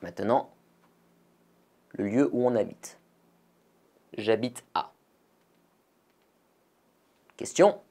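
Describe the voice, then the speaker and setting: A man from France teaching a beginner French lesson, slowly and carefully repeating model phrases for learners. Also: fairly low pitch, mellow.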